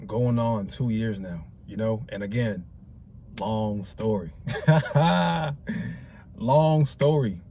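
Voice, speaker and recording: Speaking slowly in a gravelly, dark voice pitched on the low side, this twenties-aged man rambles reflectively to camera. It's a casual talking-head vlog, loaded with slang and fillers.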